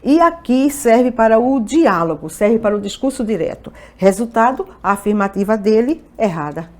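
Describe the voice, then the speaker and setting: A woman's voice: a little high, expressive, moderate pace, a little mellow. Woman teaching grammar. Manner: explanatory, poses questions and answers them herself; checks in often with "ok?" and "tá vendo?". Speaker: Portuguese teacher. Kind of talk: exam-review lesson.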